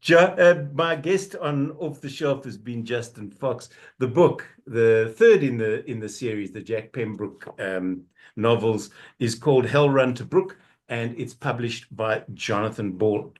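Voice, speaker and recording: A man's voice: mid-range voice, measured pace. A man hosting a book interview show, teasing his guest and laughing often in casual chat. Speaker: radio show host.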